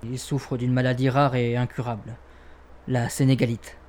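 A man's voice: mid-range voice, level tone, normal speed, darkish tone, close to an everyday voice. A man playing a flustered, exasperated young insurance broker being questioned. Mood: confiding. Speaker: suspect under interrogation. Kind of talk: comedy sketch acting.

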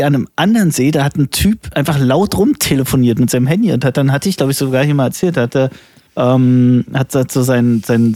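A man from Germany co-hosting a casual chat podcast, telling a story in a relaxed way and often agreeing with his partner. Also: medium pitch, dry recording, clean studio sound. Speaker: podcast co-host.

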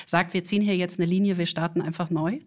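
Female podcast host. Slightly low voice, poised and articulate. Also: steady tone, fast, a little mellow. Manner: composed, articulate questioning. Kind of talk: conversational interview.

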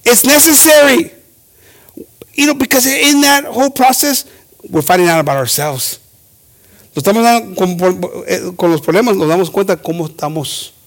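A man's voice: lively intonation, normal speed. A man preaching a bilingual sermon with many restarts, rising to emphatic exhortation. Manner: preaching with frequent restarts and "hermanos"; rises to emphatic high-pitched exhortation.

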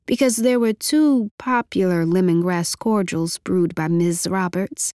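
A woman reading a novel aloud as narrator, in steady, measured storytelling. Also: lowish voice, dry recording, clean studio sound. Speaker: audiobook narrator. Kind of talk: scripted narration.

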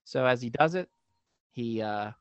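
A man's voice: medium pitch, a little slow, smooth, no echo. Man telling a rambling anecdote. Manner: rambling, animated anecdote with quoted voices. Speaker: podcast guest. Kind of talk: casual storytelling.

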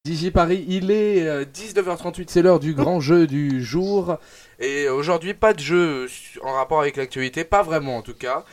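This live radio host is a young man whose voice sits on the high side and moves at a normal pace. He announces segments and runs a quiz with animated energy, dropping in fillers as he goes.

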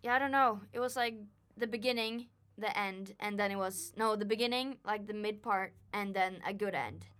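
A woman's voice: medium pitch, normal speed, hardly any pauses, a bit bright. A woman co-hosting a casual podcast at home, talking in a chatty, rambling way with lots of "like" fillers. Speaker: podcast co-host. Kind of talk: casual chat. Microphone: desk microphone.

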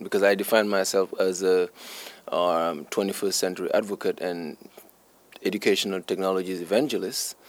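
A man with a Senegalese accent speaks in a deep register with a creaky, gravelly edge. He answers interview questions earnestly, repeating phrases for emphasis like a committed teacher. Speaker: English teacher being interviewed.

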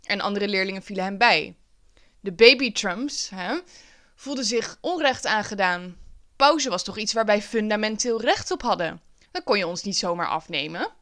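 A woman, a teacher herself, telling a story from her school days. She sounds wry and lively and pokes fun at herself, with a voice of middling pitch. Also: moderate pace. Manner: wry, lively, self-mocking. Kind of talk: personal storytelling.

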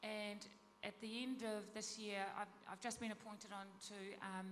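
A woman giving an earnest, halting testimony to a church gathering, with many restarts. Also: medium pitch, fairly even intonation, in a large hall, a little hiss or hum. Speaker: panel speaker at a church event. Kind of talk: testimony talk.

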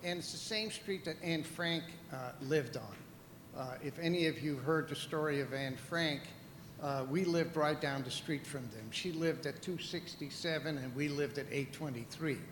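An older man from the Netherlands, a guest telling his life story calmly and reflectively on stage. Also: a little high, moderate pace. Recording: echoey hall with long reverb, faint noise.

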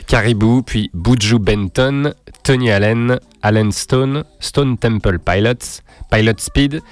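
A man co-hosting a radio music show, listing bands and giving his opinions, with many hesitant pauses. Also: mid-range voice, dry recording. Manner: hesitant, many "euh" pauses, laughs easily. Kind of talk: casual radio chat presenting music.

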